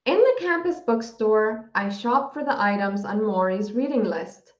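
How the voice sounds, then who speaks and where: Slow, steady woman teacher reading aloud. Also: mid-range voice. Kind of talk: reading a novel aloud for students. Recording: dull, roomy recording.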